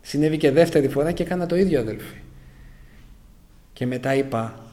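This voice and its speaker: A man's voice: fairly high pitch, dark tone. A man from Greece telling his conversion story to a congregation, calling them brothers and letting his voice sink at the end of phrases. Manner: keeps addressing the listeners as brothers; fragmentary, emotional storytelling, voice sinking at phrase ends. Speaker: church member giving testimony. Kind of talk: personal testimony to a congregation.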